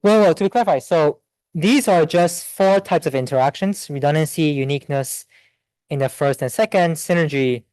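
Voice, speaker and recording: A man giving a seminar talk and answering audience questions in a quick, think-aloud way with restarts. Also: on the high side, a little mellow, dry recording. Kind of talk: academic Q&A.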